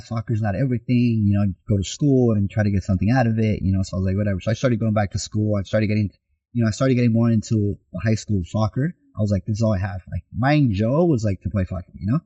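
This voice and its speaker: A man's voice: fairly low pitch, fast talker, husky, lo-fi sound. A man from Mexico, a soccer coach and podcast guest, telling his life story in conversation and acting out the dialogue he remembers. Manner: animated retelling that acts out quoted dialogue.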